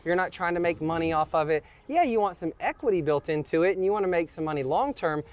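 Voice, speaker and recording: A man's voice: fairly high pitch, lively intonation, fast talker. A man hosting a house walkthrough, explaining prices and renovation costs in a joking, talkative way. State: out of breath after climbing. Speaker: real estate host. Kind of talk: walkthrough commentary.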